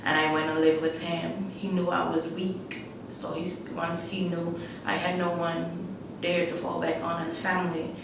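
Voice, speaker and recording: A middle-aged woman from Guyana tells her life story as an interviewee, speaking in a low, flat, halting way. The unscripted testimony was recorded on a distant mic in an echoey room, with a clear rumble in the background.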